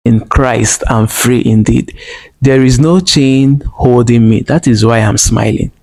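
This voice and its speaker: A man's voice: medium pitch, a little slow, a little mellow, a little hiss or hum. A man telling a personal story in a vlog, earnest and emotional, repeating phrases and speaking straight to viewers. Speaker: vlogger.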